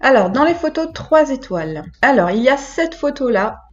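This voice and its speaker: High-pitched woman with a hoarse smoker's rasp. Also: sing-song, normal speed, lo-fi sound. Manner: informal, chatty, direct address to viewers. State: hoarse, recovering from illness. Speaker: host of an animal photography channel. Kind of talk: casual video commentary.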